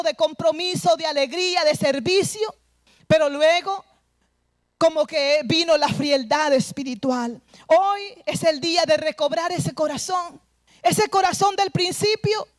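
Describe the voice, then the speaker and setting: A woman's voice: very high-pitched, no echo. A woman pastor delivering an earnest sermon, retelling a scripture story and urging the congregation to return to God. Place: church service.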